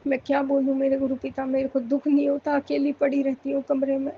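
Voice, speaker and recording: A woman's voice: high-pitched, completely flat delivery, fairly quick, lo-fi sound, a little hiss or hum. A woman pleading emotionally in a prayerful monologue to her spiritual guide, repeating thanks and pouring out her troubles. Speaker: devotee sharing a personal prayer. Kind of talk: devotional monologue.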